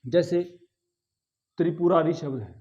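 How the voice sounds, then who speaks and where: A man's voice: on the high side, animated, measured pace, darkish tone, muffled recording. A man teaching a grammar lesson, patiently repeating key words and asking the class rhetorical questions. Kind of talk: explanatory lesson.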